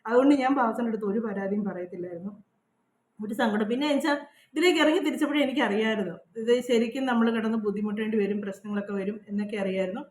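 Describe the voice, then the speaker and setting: A middle-aged woman confides her memories in a quick, chatty flow. Her voice sits a little high. The sound has a roomy echo from the spot outdoors where she records. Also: a little mellow, a little hiss or hum. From Kerala, India. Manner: chatty and confiding, frequent "kettō" tags. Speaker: vlogger. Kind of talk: casual personal storytelling. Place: outdoors at her old house.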